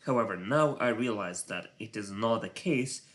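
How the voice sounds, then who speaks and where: A man whose first language is Russian, speaking English with a Russian accent while thinking aloud on a live coding stream, halting and full of filler sounds. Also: lowish voice, animated, a bit bright. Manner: halting, many filler sounds, muttering to himself; self-conscious about his English voice.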